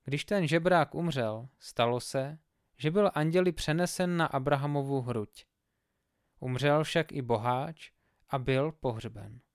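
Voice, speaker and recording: A man reading scripture aloud in a measured, solemn, scripted delivery. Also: mid-range voice, clean tone, no echo, studio quality. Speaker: Bible reader.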